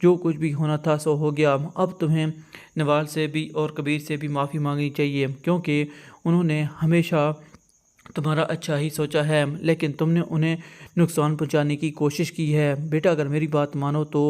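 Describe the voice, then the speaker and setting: A man voicing a stern middle-aged mother in a retold drama, in his own flat voice. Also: fairly high pitch, smooth, lightly acted. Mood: advising.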